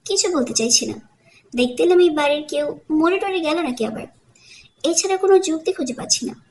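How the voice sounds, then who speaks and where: A woman's voice: high voice, a little fast. A woman voicing a proud young wife who scolds her family in cutting, bitter tones, in a romantic audiobook.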